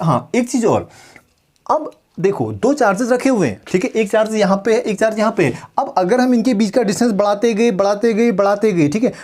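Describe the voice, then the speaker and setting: A man's voice: sits high, darkish tone. A male physics teacher giving a Hindi-English lecture, asking himself questions and answering them, checking in with the students again and again. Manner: repeats check-ins like "ठीक है" and "समझ में आया"; slows down sharply for English sentences.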